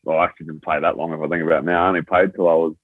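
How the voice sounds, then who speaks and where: A man's voice: deep voice, flat delivery, rapid-fire, no room sound. A man in his twenties with an Australian accent, a rugby player telling his story in a laid-back, rambling, slangy way. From born in Thailand, raised in rural New South Wales, Australia. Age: 20s. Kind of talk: casual interview chat. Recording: tinny phone-like line, dry.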